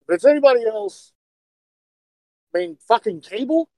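A man co-hosting a casual podcast, talking excitedly and speculating, often stumbling and repeating words. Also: high-pitched, normal speed, no room sound, rough recording. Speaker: podcast co-host.

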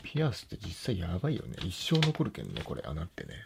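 A young man, quietly mumbling to himself at home late at night, nervous and hesitant. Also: low-pitched, huge pitch swings, fast, vocal fry, noisy background. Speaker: vlogger.

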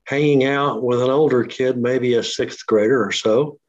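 A man reading his memoir aloud at a steady, measured pace, his voice coming through a laptop speaker on a remote line. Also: mid-range voice, slight background noise. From Oklahoma City. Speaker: guest author. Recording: dull lo-fi remote audio.

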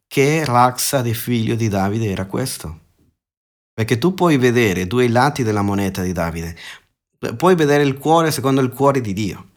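A man's voice: medium pitch, expressive, moderate pace. Man preaching with rhetorical questions. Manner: earnest, restarts mid-word. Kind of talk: podcast sermon.

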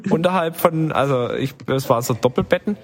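A man's voice: a little high, a little fast. A man telling a long travel story in casual chat, rambling with many fillers. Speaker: podcast co-host telling travel stories.

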